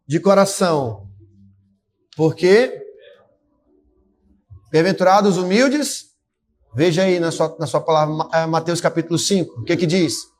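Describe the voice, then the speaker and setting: A man preaching a fervent sermon at a church service, exhorting and calling out to the congregation. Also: sits high. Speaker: pastor.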